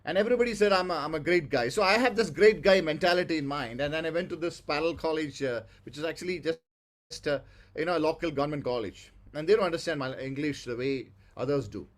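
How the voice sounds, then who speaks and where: Teaching public speaking in an interactive session, this man hammers home his points through emphatic delivery and repeated phrases. He talks quickly in a slightly high voice.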